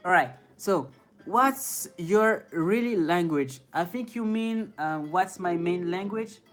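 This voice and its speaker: Slow and lively in intonation, his high, slightly bright voice carries a French accent as he reads chat questions on his inline skating stream. He's a native French speaker from France who hesitates with fillers and breaks into frequent laughter, with faint background music on his phone audio.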